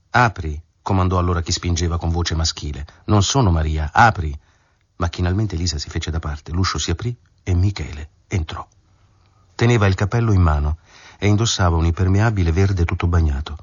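A man narrating a literary novel as an audiobook, in a measured, dramatic manner. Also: deep voice, a little mellow, breathy edge, dry recording. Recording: dull lo-fi dry recording.

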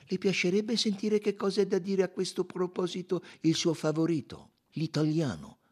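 A man voicing a fussy, sharp-minded Belgian detective in an audiobook, high and precise. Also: expressive, moderate pace. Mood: dry. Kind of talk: audiobook character reading.

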